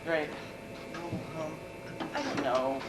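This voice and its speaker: A young man playing Elliot, a vague, bored ex-husband, with deadpan delivery in a school stage comedy. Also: on the high side, slow pace. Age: young adult. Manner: deadpan, dry. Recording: distant echoey stage audio with noise.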